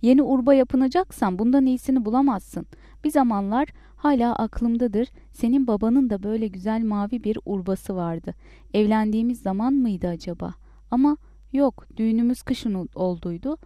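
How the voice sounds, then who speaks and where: A woman voicing a chattering old grandmother in a storybook reading, talking high and shrill. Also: normal speed, warm tone, no room sound, lo-fi sound, lightly acted. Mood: rambling.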